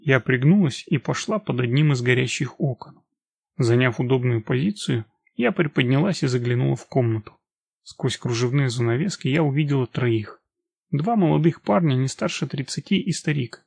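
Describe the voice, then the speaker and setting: A man reading a first-person action story as an audiobook narrator, steady and measured. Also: medium pitch, creaky, breathy edge, no echo.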